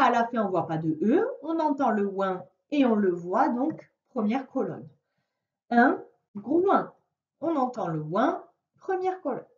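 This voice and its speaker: Slow, patient woman teaching reading. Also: a little high, darkish tone. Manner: slow, patient, sounds out words syllable by syllable. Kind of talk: reading lesson for a young child. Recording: roomy, distant, dull lo-fi sound.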